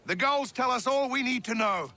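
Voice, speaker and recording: Shouting high-pitched male sea captain. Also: normal speed, heavily acted. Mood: firm, assured. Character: commanding male sea captain barking orders. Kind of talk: video game voice acting. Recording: loud wind and sea noise.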